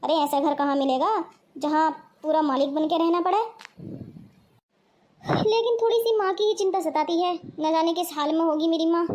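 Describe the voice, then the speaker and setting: A woman's voice: very high-pitched, normal speed, a little mellow. A woman voicing a smug, boastful young son-in-law in a cartoon. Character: lazy freeloading young son-in-law, man. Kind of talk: cartoon voice acting.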